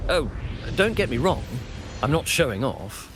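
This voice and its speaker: Professor Savi, an animated absent-minded scientist. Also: male voice, mid-range voice, a little slow, over music. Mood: proud, wistful. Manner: scatterbrained, hesitant, eager. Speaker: professor of engineering. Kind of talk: video game voice acting.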